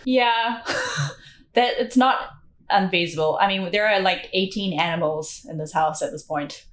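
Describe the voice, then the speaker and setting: A woman's voice: medium pitch, moderate pace, fairly bright tone. A woman with a New Zealand accent chatting as a podcast guest, giggly and full of fillers. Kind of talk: casual podcast chat.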